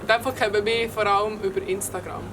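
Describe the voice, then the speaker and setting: A woman's voice: medium pitch, level tone, quick pace. A woman with a Swiss German accent, playing a casual guessing game in a playful, giggly way. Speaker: guest. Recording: distant mic in a noisy place with vehicles.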